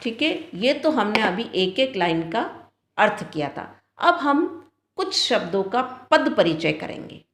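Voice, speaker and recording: Woman teacher, middle pitch, slow and deliberate, poses and answers her own questions; roomy echo. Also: very animated, a bit bright, slight background noise. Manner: asks questions and answers them herself; reads each line slowly, then explains it. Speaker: Sanskrit teacher. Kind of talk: classroom lesson explaining a text line by line.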